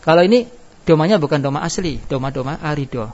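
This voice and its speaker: A fast-talking male teacher with a slightly high, darkish, expressive voice runs through a grammar lesson step by step. He asks his class questions and answers them on his own, and the classroom recording is dull and lo-fi.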